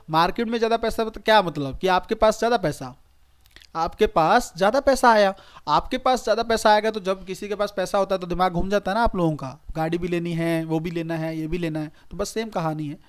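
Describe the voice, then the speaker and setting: Quick-checking high-voiced male teacher. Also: clear, resonant tone. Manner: conversational, repetitive teaching with frequent "okay" checks; addresses students directly, urging them to note things down. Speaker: exam coaching teacher. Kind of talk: recorded online lecture.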